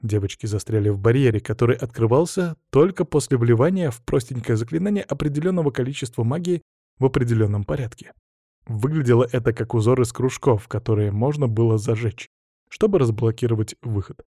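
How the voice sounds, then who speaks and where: A man's voice: medium pitch, a little fast, dark tone, no room sound, clean studio sound. A man narrating a first-person audiobook in a wry storytelling manner.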